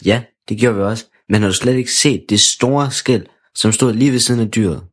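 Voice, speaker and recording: A man's voice: lowish voice, breathy edge. A man voicing a sensible young boy who speaks in a matter-of-fact way.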